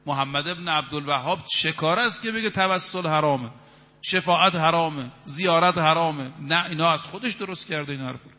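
A man in his fifties delivers an evening sermon in a somewhat raised voice, stressing his points emphatically and chanting verses in Arabic. His words ring with a long reverb through a large hall, and the recording sounds a little muffled. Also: a little high. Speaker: preacher.

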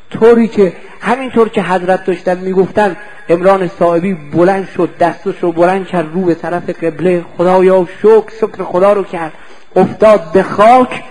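A man's voice: sits high, darkish tone, low-quality recording. A man preaching a religious sermon, telling a story with passion, stretching key phrases and putting questions to his listeners. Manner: impassioned, dramatic, drawn-out emphatic phrases; addresses listeners directly with questions.

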